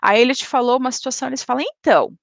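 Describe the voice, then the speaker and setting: A woman lecturing in a webinar, speaking didactically and tagging points with quick checks to the audience. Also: sits high, little pitch movement, gravelly, no echo. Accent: Brazilian Portuguese. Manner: didactic, frequent "tá?" tag questions.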